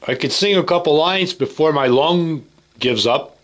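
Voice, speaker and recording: A man's voice: on the high side, normal speed, fairly bright tone, low-quality recording. A man hosting a casual studio visit, joking loosely and swearing now and then. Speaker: video host. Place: recording studio.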